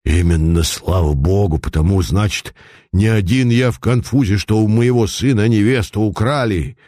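A man voicing an old millionaire merchant who talks in a low grumble. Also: moderate pace, dark tone, no room sound, studio quality, natural voice. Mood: pleading. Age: older.

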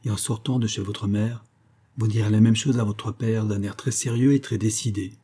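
Un homme lisant à voix haute incarne un jeune séducteur calculateur qui presse et persuade avec insistance. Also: male voice, fairly low pitch, fairly even intonation, moderate pace, dark tone, slightly rough. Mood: persuasive. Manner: insistent and coaxing.

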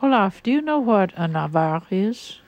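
A woman hosting a casual radio chat, talking in an unhurried, chatty way with frequent fillers. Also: mid-range voice, very animated, dry recording, highs cut off. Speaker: radio host. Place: radio studio.

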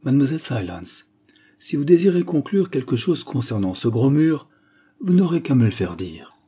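A man's voice: medium pitch, very animated, normal speed, warm tone, breathy edge, pitched above the performer's own voice. A man playing a sly, greedy old village man with a wheedling manner.

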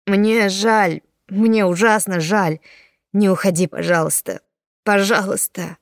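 A woman's voice: mid-range voice, steady tone, slow, no room sound. Woman voicing a sobbing young man, pleading, insistent, dry studio sound.

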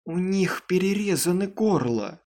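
A man's voice: high-pitched, expressive, unhurried, a little mellow, pitched above the performer's own voice. A man reading an audiobook, voicing a terrified, hysterical teenage girl who screams in panic and fury. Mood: panicked.

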